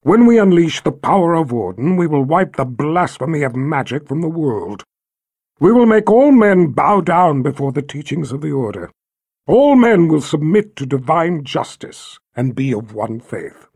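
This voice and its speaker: A man voicing a brooding, jealous tyrant emperor with a deep rumbling voice, speaking slowly and menacingly. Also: big pitch swings, darkish tone, slightly rough, dry recording, clean studio sound, exaggerated voice. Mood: grim. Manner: slow, low and menacing.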